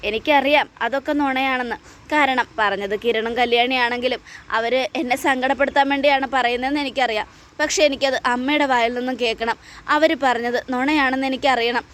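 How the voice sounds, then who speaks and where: A woman's voice: high-pitched, fairly even intonation, fairly quick, fairly bright tone. A woman voicing a distraught young pregnant woman who insistently pleads with her mother for the truth. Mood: pleading, distraught.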